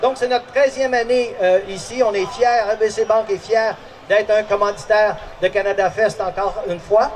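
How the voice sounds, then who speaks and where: Brief: man, sponsor remarks, raised pitch, heard from a distance with light noise. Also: steady tone, moderate pace. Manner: formal, thankful speech. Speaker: sponsor speaker. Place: outdoor festival stage.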